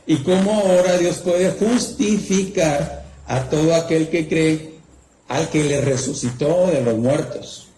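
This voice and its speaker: A man's voice: on the high side, slow pace, mellow. A man preaching a campfire sermon, telling a story and asking rhetorical questions. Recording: roomy echo, faint background noise.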